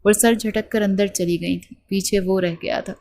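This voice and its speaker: A woman's voice: mid-range voice, a little hiss or hum. Woman narrating a romance novel. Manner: steady storytelling read.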